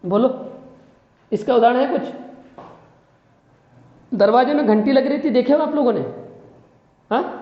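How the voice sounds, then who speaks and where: A man's voice: very high-pitched, measured pace, pauses often. A male physics teacher giving a classroom lecture, constantly asking questions and repeating key phrases. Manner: questioning, quizzes listeners constantly. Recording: dull, echoey room with long reverb.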